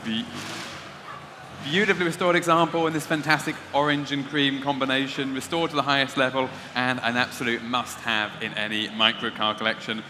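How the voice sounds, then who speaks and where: A man presenting auction lots as a specialist, with a semi-formal sales pitch and a halting delivery. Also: level tone. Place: large auction hall. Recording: echoey hall, clear background noise.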